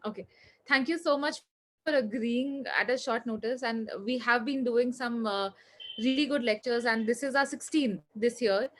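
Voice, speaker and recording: A woman with a fairly high voice welcomes a speaker over a video call. She is polite and hesitant, and she pauses often on fillers. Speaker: lecture series coordinator.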